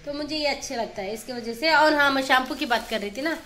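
A woman's voice: high-pitched, fast talker, pushed and bright, a little hiss or hum. A woman in her thirties filming a casual home vlog in a small kitchen with a phone at arm's length, chatting in a homely, rambling way. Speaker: vlogger, mother. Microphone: phone held at arm's length.

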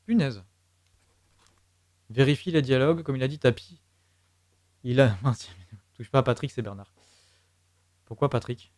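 French-accented male streamer, mid pitch, mumbles his reasoning aloud, dry close mic. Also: expressive, a little slow, pauses often, a little mellow, no echo. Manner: thinking aloud, muttering to himself and chat. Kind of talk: live let's play commentary.

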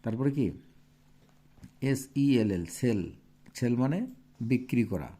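Bangladeshi bengali accent guy teaching kids english, spells stuff letter by letter, mellow dark voice. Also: mid-range voice, animated. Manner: explains slowly, spells out words letter by letter. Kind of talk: classroom lesson.

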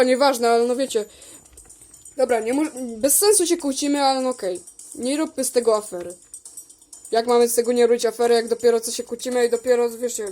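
A woman voicing a whole cast of toy figures in a bickering role-play, jumping between shrill shouting and soft low voices. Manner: switches between shrill squabbling voices and low quiet ones. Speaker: toy video creator voicing all figures.

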